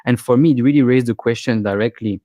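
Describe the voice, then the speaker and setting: A man from Switzerland speaking as an interview guest, telling stories in a loose, animated way. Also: medium pitch, fast, no room sound, studio quality. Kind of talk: casual interview talk.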